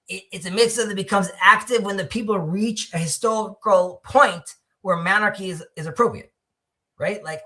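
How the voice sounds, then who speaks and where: A man's voice: high voice, pushed and bright. A man hosting an online discussion, explaining prayer texts while searching for his words. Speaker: host.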